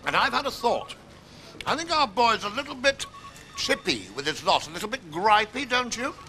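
A sly, breezy schemer. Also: male voice, high-pitched, very animated, moderate pace, bright, forceful tone, exaggerated voice. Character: sly scheming manager, chatty and wheedling.

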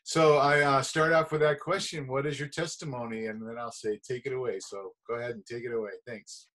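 A middle-aged man hosts a church interview show over a video call. He sounds relaxed and a bit hesitant, filling his pauses with "um". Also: medium pitch. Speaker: host. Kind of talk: casual interview intro.

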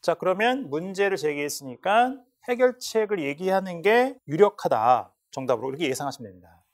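A man's voice: high voice, expressive, a little fast. A man teaching an English test class in a lecture style, repeating words aloud to model how they are said. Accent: Korean. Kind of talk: lecture explaining listening questions.

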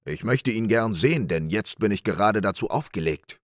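Male reader playing a gullible boastful farmer for a storybook audiobook, deep gruff voice, dry sound. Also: expressive, moderate pace, no echo, close to an everyday voice. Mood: gullible eager. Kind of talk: audiobook fairy-tale reading.

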